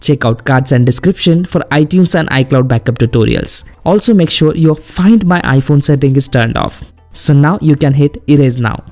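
A man hosting a step-by-step phone tutorial as a voice-over, giving plain, brisk instructions. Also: on the high side, dark tone, soft background music. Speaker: tech tutorial host.

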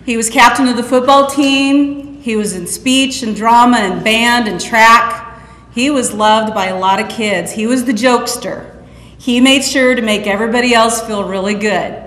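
Middle-aged woman, earnest testimony speaker at a school conference, slightly high voice, recorded in a reverberant hall. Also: moderate pace, fairly bright tone. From Northeast Nebraska. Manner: earnest, direct, acts out quoted dialogue. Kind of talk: personal testimony talk. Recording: echoey hall, long reverb.

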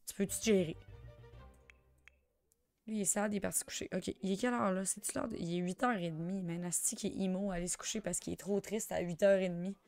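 A young woman with a Quebec French accent chatting through a life-sim game, excitable and sprinkling in English slang. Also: medium pitch, quick pace, few pauses, faint music behind. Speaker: gamer. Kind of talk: let's play commentary.

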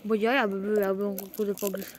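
A man's voice: high-pitched, little pitch movement, fast talker, a crowd in the background. A man keeping pigeons, talking casually to his viewers outdoors by the loft in a rambling way with many fillers and restarts. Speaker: pigeon keeper. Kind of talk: casual vlog narration to viewers. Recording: outdoor noise with cooing pigeons. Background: pigeons cooing.

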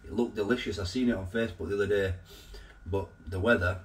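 Male food vlogger, nasal with a cold, lowish voice, rambling chatty delivery, mic a bit distant. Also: steady tone, quick pace. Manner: chatty and rambling, with filler restarts. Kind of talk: casual food review vlog. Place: home kitchen.

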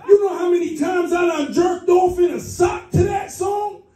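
A man from Boston doing a loud, crude stand-up set, shouting at the crowd in a comedy club. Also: very high-pitched, fairly even intonation, normal speed, distant mic. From Boston, US East Coast. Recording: roomy club sound from afar, music.

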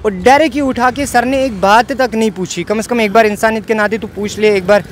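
Earnest young man with Kashmiri accent, high voice. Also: steady tone, brisk. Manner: earnest, pleading, repeats himself. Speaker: interviewee, assault victim. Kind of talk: emotional eyewitness account. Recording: outdoor street noise behind.

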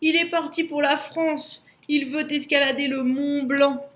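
A woman's voice: sits high, fairly even intonation, unhurried, fairly bright tone, voice pushed up. A woman doing a jovial grizzly. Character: friendly grizzly bear, boisterous. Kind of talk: storybook reading.

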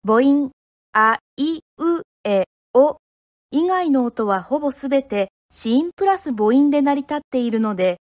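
A woman from Japan teaching pronunciation, speaking clearly and deliberately and modeling each syllable one at a time. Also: high voice, big pitch swings, mellow, dry recording, clean studio sound. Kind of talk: slow, careful teaching of pronunciation.

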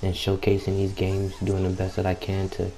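Low, unhurried, very monotone young man. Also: rough recording. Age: young adult. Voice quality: low, subdued voice. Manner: unhurried, laid-back, slangy, frequent "you know" filler; keeps clearing throat. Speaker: gaming YouTuber. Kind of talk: casual gameplay commentary. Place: at home late at night, people nearby. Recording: home mic with background noise.

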